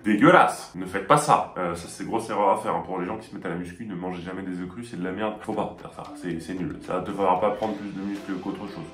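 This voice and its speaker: A man in his twenties with a fairly deep voice, answering fan questions in a relaxed, chatty way and talking straight to his viewers. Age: 20s. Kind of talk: casual chat. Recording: roomy echo with faint music.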